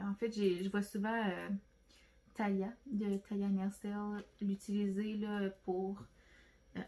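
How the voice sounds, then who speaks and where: A Québécois woman vlogger talks through her nail products on camera, in a casual, rambling way full of fillers. Her voice is mellow and dark, held in a narrow, level pitch. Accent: Québécois French. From Quebec, Canada. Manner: chatty, rambling, many fillers and restarts. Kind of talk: casual product haul chat.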